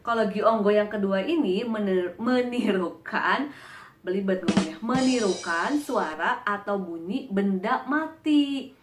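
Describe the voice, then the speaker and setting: A woman's voice: mid-range voice, a little slow, roomy sound, faint music behind. A woman giving a casual Japanese lesson, playfully mimicking animal sounds and bells as she explains words. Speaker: Japanese language teacher. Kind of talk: casual online language lesson.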